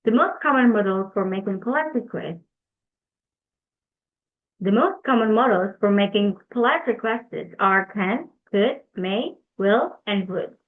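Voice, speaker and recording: A young woman, reading a class presentation aloud in a careful, deliberate way and correcting herself as she goes. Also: mid-range voice, expressive. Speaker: student presenter. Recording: tinny phone-like recording.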